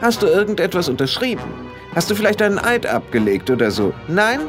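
A man's voice: high voice, very animated, music in the background, pitched above the performer's own voice. Man voicing a bossy old witch granny. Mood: commanding. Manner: brisk, bossy, sharp. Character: old grandmother witch, brisk and commanding. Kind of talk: audiobook character voice.

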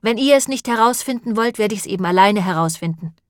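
A woman's voice: medium pitch, expressive, brisk, dry recording, pitched above the performer's own voice, close to an everyday voice. A woman voicing a clever, determined female sheep detective in an audiobook, speaking with earnest insistence in a dry recording. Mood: angry. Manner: earnest and insistent, rising to anger. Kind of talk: audiobook character voice.

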